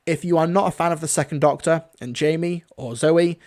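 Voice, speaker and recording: Here the stream host sounds quick and fairly high, his voice carrying a darkish color. He reviews things on the fly, chatting with rambling excitement.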